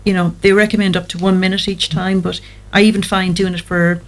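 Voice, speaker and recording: A woman's voice: fairly low pitch, level tone, fairly quick. A woman speaking as a guest therapist, giving explanatory advice in an interview. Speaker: guest anxiety therapist on a show.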